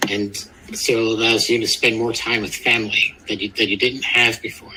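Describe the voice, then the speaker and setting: A man's voice: lowish voice, little pitch movement, moderate pace, sharp tone, a little hiss or hum, rough recording. A man hosting a motivational webinar, talking emphatically and repeating phrases for weight. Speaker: webinar host.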